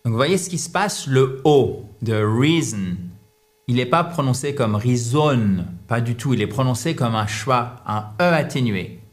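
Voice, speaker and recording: Male English teacher, lively and teasing, mid-range voice. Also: mid-range voice, normal speed. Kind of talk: explaining pronunciation in French.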